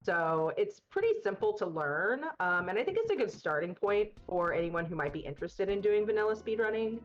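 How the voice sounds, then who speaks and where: A woman's voice: medium pitch, big pitch swings, a little fast, a little hiss or hum. A woman doing casual, upbeat race commentary, her voice coming through a built-in webcam mic that sounds like she is in a tunnel. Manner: upbeat, chatty, many fillers. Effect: muffled webcam mic that sounds like a tunnel.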